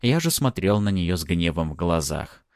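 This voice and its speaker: A man narrating a first-person fantasy audiobook in a dramatic, expressive reading. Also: low-pitched, moderate pace, dry recording, clean studio sound.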